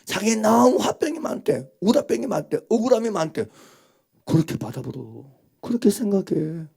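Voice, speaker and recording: Man, pastor, sermon, very high voice, gravelly, impassioned rhetorical questions. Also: very animated, normal speed. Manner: impassioned, rhetorical questions, swings from hushed to shouting. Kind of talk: Sunday morning sermon.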